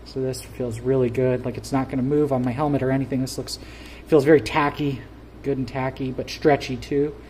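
A man's voice: mid-range voice, little pitch movement, fairly quick, a little mellow, a little hiss or hum. A man giving casual unboxing commentary as a gear reviewer, chatty and enthusiastic, with plenty of fillers.

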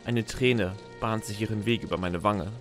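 Narrating and starring in a first-person scripted audio drama, a man voices a frustrated, sardonic lead whose dry sarcasm hides a lonely, sentimental side. The mood is wistful and sad. His natural voice is lowish and a bit bright, at a moderate pace, with music in the background.

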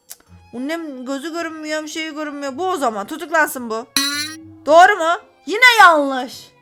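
Excitable, high-voiced woman gamer. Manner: excitable, exasperated, talks to viewers. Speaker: gaming YouTuber. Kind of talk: let's-play commentary.

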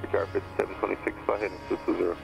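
A man's voice: sits low, flat delivery, rapid-fire, vocal fry, low-quality recording. A man working as an air traffic controller, giving clipped instructions over the aircraft radio. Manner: clipped, terse phraseology. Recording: radio transmission with music behind.

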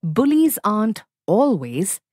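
A woman reading a fable aloud for learners, slow, lively and clearly paced. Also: medium pitch, no echo, clean studio sound. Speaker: storyteller.

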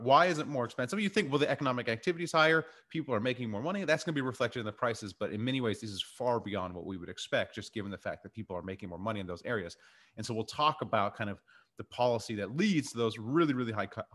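A man's voice: medium pitch, a bit bright. A middle-aged man lecturing informally over slides, explaining things in a conversational way. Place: indoors in a warehouse.

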